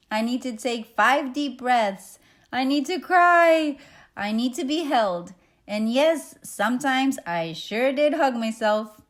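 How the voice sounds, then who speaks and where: Slow, gentle woman guiding meditation. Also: on the high side. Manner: slow, gentle, reflective delivery with guiding pauses. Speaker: yoga and meditation teacher. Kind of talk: guided meditation talk.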